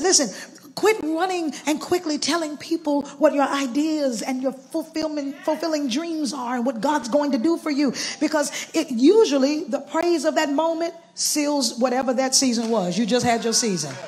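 A woman preaches to her congregation in a fairly high voice. She flips between shouted, driving exhortation and quiet, chatty asides. Her delivery is direct and full of calls for the crowd to answer back. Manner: swings from shouted exhortation to low conversational asides. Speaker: pastor. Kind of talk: sermon. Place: church sanctuary with congregation.

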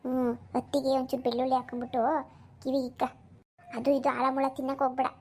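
A woman voicing a bossy older village woman who gives gruff, scolding advice to a new mother in a cartoon. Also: monotone, fast talker, a little mellow, a little hiss or hum, lightly acted. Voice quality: gruff and lower, rustic. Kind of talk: cartoon voice acting.

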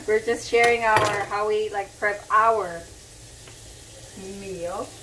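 A woman's voice: medium pitch, takes it slowly, noisy background. A young woman chatting casually while cooking in her home kitchen, easygoing and self-deprecating, recorded on a phone camera. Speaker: home cook. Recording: loud frying and sizzling behind.

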